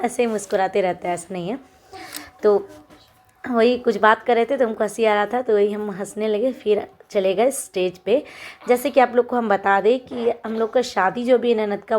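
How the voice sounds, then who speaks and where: A woman's voice: mid-range voice, darkish tone. Young woman, vlogger, casual voice-over, chatty, light laughs, explaining customs.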